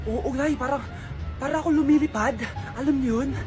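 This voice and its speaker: A woman's voice: sits high, fairly quick, music in the background, pitched below the performer's own voice, natural voice. A woman playing a polite, puzzled young child in a comedy skit.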